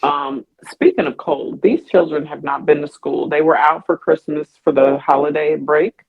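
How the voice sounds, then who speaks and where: A woman co-hosting a podcast in casual chat, telling stories in an animated way with a husky voice. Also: low-pitched, moderate pace, narrow, tinny audio. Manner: animated storyteller. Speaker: podcast co-host.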